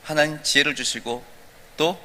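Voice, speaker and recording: A man voicing Jesus as a calm, trusting figure who prays quietly, with a long church reverb. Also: on the high side, moderate pace, slight background noise.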